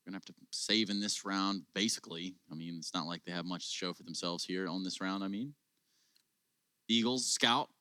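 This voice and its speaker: A man's voice: deep voice, normal speed, no room sound. A man working as an esports co-caster, giving conversational analysis during live match commentary. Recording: loud game noise with gunfire behind.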